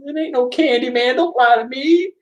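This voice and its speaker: A man putting on the voice of a panicky, frightened man pleading for his life, in a shrill, overacted way. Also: moderate pace. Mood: panicked pleading. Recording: roomy echo.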